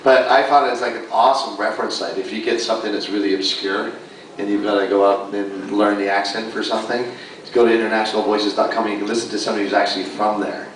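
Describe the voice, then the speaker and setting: A man's voice: on the low side, fairly even intonation, quick pace, a bit bright, a little hiss or hum. A man talks casually on a convention panel, circling his point with lots of likes and restarts. He sounds distant from the camera. A long echo fills the big hall around him. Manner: rambling, many likes and restarts. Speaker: voice actor panelist. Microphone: far audience camera. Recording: echoey hall recorded from far off.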